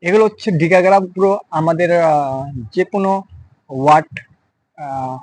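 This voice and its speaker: A man teaching beginners their phonics at a very slow, patient pace. His voice sits a little high, and he repeats each word and spells it out letter by letter so students can follow. The sound is dry and close, with no room echo. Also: darkish tone. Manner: addresses students directly, asks them to pronounce aloud. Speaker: English teacher.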